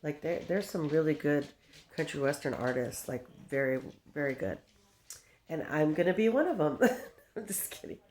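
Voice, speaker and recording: A vlogger in her fifties rambles casually to camera, chatting away, laughing often, drifting from one story to the next, and baby-talking to her dog. Her low-pitched voice is expressive and darkish in tone, at a moderate pace, with a little hiss or hum in the recording.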